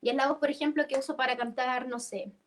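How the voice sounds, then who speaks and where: A woman's voice: high voice, steady tone, quick pace, a little hiss or hum. A young woman teaching a church singing workshop, explaining vocal registers and demonstrating them by singing.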